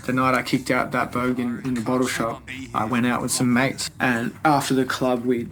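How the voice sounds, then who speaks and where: A man's voice: mid-range voice, flat delivery, moderate pace, fairly bright tone. An Australian man speaking as a filmmaker in a behind-the-scenes interview.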